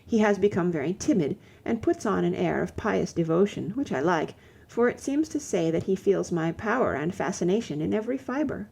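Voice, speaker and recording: A woman reading a classic novel aloud in the first person, measured and expressive. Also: on the low side, vocal fry, slightly rough. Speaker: audiobook reader. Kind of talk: first-person literary audiobook narration.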